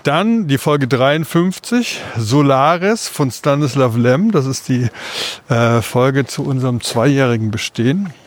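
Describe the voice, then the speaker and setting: Male co-host, medium pitch, explaining things casually while out walking. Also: animated, measured pace, no room sound. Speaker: podcast co-host. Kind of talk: casual podcast chat. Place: outdoors, walking through city parks.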